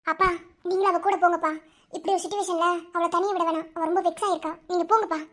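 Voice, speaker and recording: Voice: very high-pitched, fairly even intonation, fairly bright tone, voice pushed up. A performer voicing an anxious young sibling in a cartoon, urging a father to hurry. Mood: urgent. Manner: urging, hurried. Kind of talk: animated cartoon voice acting.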